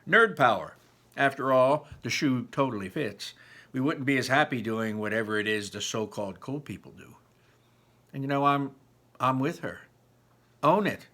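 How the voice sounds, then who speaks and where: Reading from a novel in the emphatic, informal style of a teacher, a man adds his own asides along the way. His delivery is expressive and his voice is mid-range.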